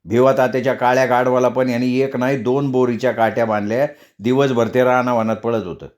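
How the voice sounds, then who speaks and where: A man's voice: medium pitch, little pitch movement, fairly quick, darkish tone, close to an everyday voice. A man voicing a mocking elder brother who tells tales, in a storybook reading. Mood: taunting. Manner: taunting, tattling.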